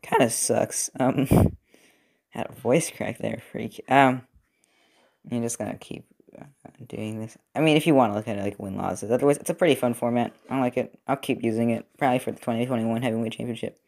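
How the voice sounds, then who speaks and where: Young male creator, loose rambling voice-over, everyday mid pitch, frequent fillers and self-corrections. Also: steady tone, fast talker, vocal fry, darkish tone. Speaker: robot-building video creator. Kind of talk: casual commentary while working. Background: TV football game.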